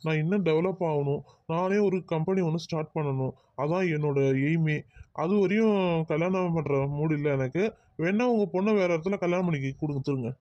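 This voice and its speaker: A man's voice: fairly high pitch, moderate pace, dark tone, dry recording, highs cut off, lightly acted. A man voicing an exasperated young man in a cartoon, sighing and dodging a marriage. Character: exasperated young man, ambitious, reluctant groom. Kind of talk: Tamil cartoon voice acting.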